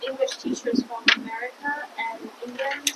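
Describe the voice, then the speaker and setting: Soft-spoken high-voiced woman student. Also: very animated, moderate pace, heavy background noise. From China. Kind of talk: casual class chat.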